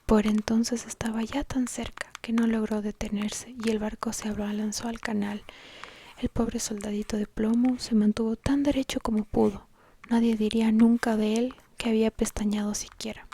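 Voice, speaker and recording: A woman reads a story aloud as whispered ASMR, in a soft, breathy whisper very close to the ear, slow and gentle. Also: a little high, level tone. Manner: slow, gentle, hushed reading. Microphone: very close to the mic, whispering into the ear.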